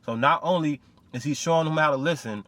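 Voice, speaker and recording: Excited man breaking down a clip. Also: fairly high pitch, quick pace, no room sound. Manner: excited, keeps saying "you feel me" and "bro". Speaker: video commentator. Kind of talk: reaction commentary.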